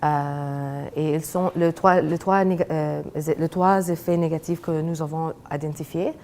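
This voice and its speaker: A young woman with a foreign accent in French, a graduate student presenting her research haltingly, searching for words. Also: low-pitched, steady tone, darkish tone. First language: not French. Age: young adult. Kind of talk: academic presentation of a thesis project.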